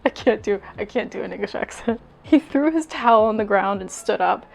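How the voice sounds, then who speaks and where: Young woman, comedic fanfic reading, sweary, self-deprecating, vocal fry. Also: mid-range voice, animated, fairly quick, poor audio. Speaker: YouTuber.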